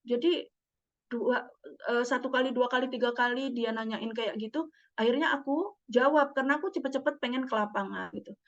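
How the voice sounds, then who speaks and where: Middle-aged lady psychologist telling stories to parents, acts out the quotes, kinda higher voice, muffled lo-fi sound. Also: brisk. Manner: animated, acts out quoted dialogue. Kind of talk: storytelling seminar talk.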